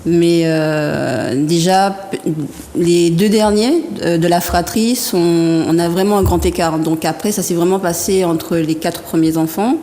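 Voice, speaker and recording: A woman in her thirties from Martinique, a guest artisan telling her story in a soft, hesitant, often laughing way. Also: fairly low pitch, measured pace. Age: 30s. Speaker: guest artisan and interior decorator. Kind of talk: casual interview talk. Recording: reverberant room with faint background noise.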